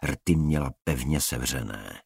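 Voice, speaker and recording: A man narrating an audiobook in a measured, dramatic reading style. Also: extremely low pitch, vocal fry, a little mellow, slightly rough, dry recording, studio quality.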